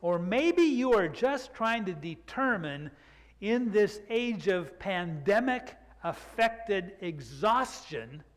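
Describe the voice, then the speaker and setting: This older man preaches in a very animated, high-pitched voice from the pulpit of a church sanctuary. His reflective sermon moves at an unhurried pace, with words drawn out for emphasis, picked up by a pulpit mic in long church reverb.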